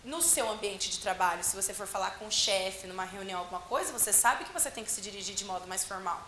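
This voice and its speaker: A woman's voice: mid-range voice, fast talker, bright, forceful tone. A woman Portuguese teacher giving a classroom lecture, often asking the class questions and answering them herself. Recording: roomy classroom with faint hiss.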